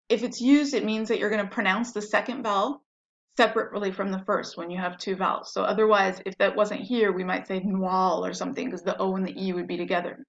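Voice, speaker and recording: A French teacher with a gravelly, medium-pitched voice gives a patient, step-by-step classroom-style lesson, spelling words out letter by letter. The audio is dull.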